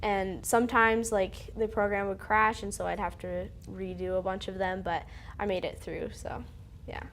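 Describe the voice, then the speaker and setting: A woman's voice: mid-range voice, level tone, normal speed, fairly bright tone, slight background noise. A teenage girl, a student filmmaker, chatting in an interview with many fillers. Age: teens. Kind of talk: casual interview.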